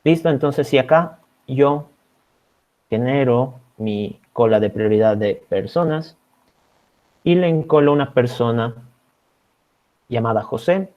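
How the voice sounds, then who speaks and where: A Bolivian teaching assistant leads an online programming session, breaking code down step by step and regularly checking on his students. He speaks at medium pitch, slowly, leaving long pauses. The sound comes through a video call and is somewhat dull.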